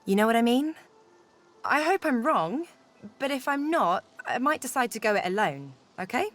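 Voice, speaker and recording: Breezy, animated young adventurer woman. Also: fairly high pitch, moderate pace. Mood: awkward, uneasy. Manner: casual, frank. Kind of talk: video game voice acting.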